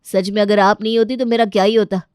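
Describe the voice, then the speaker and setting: A woman voicing an impatient young husband in a cartoon story, hurried and irritated. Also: mid-range voice, little pitch movement, darkish tone, smooth, no echo, clean studio sound, lightly acted. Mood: relieved.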